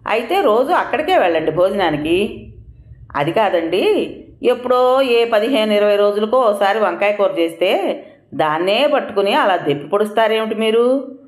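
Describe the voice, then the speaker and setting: A harried housewife who pushes back against every complaint with weary exasperation, as a woman narrator plays her. Her pitch moves in lively swings. The reading has a roomy echo. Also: moderate pace, close to an everyday voice. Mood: exasperated. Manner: defensive, pleading, exasperated. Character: busy patient housewife and mother.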